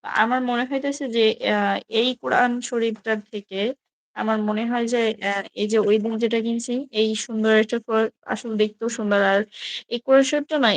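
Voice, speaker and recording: A woman speaks, her talk hesitant and full of fillers. Her pitch stays flat and level through the casual explanation. When she reads verses, she slows into a long, drawn-out chant. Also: no echo, low-quality recording. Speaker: video creator comparing Quran editions. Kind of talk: casual explanation with slow recitation.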